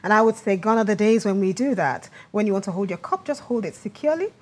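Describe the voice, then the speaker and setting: A woman's voice: medium pitch, expressive, fast, a little mellow, slight background noise. A woman speaking as an etiquette coach on a lifestyle show, giving conversational, instructive advice on dos and don'ts. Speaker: etiquette coach, guest expert.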